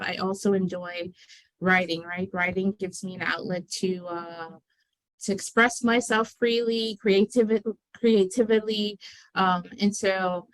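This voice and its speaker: A woman's voice: medium pitch, rough recording. Bahamian-born woman in her 30s, guest author, earnest, lots of uhs. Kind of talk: conversational interview.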